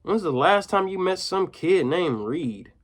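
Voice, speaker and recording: A man playing a gruff, sulky young boy, slow and grumbling, sometimes slower and lower, storybook read-aloud with just a light touch of character. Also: expressive. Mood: complaining. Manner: sullen and grumbling.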